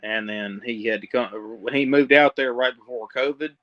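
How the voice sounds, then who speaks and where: A man's voice: mid-range voice, normal speed, highs cut off. Southern drawling man, blunt and teasing. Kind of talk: casual chat.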